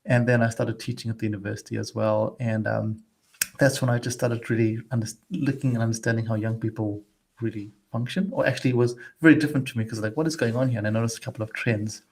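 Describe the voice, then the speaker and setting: A man in his forties from Zimbabwe, a guest advisor on student transitions, talking casually in an interview over a video call, chatty and restarting his words with quick little laughs. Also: fairly low pitch, fairly even intonation, vocal fry, darkish tone.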